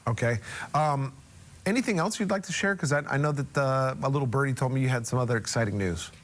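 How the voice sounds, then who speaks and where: Male morning TV host, chatty, upbeat, mid-pitched voice, stumbles over words. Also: quick pace. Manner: chatty, enthusiastic, stumbling restarts. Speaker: TV show host. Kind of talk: TV morning show interview.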